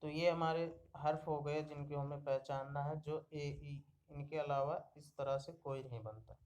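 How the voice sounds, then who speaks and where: A man teaching young pupils the alphabet in a slow screen-recorded lesson, patiently repeating each word and checking in after each one. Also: fairly high pitch, level tone, a little mellow.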